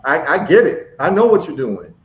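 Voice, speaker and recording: Speaking at normal speed, this Ghanaian guest sounds very animated, his voice on the high side, with slight hiss or hum present. He repeats phrases emphatically and passionately during a casual chat over a live stream call. The audio is echoey, dull and lo-fi.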